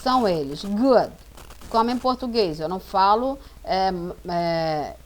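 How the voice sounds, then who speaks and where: A woman's voice: medium pitch, expressive, a little slow, a little hiss or hum. A woman teaching English grammar to students, explaining each rule step by step, spelling out letters and repeating every example sentence. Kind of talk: slow classroom explanation.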